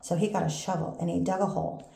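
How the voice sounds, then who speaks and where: An older woman, a grandmother, reading a children's picture book aloud in a gentle, unhurried storytelling manner. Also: on the low side, fairly even intonation, creaky. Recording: roomy echo with faint background noise.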